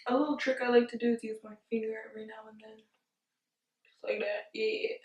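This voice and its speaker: A beauty vlogger chats her way through a casual makeup tutorial, giggly and tipsy, full of playful slang and exclamations. Her voice is fairly high, level in tone and brisk. The audio sounds dull, recorded in an echoey room far from the mic.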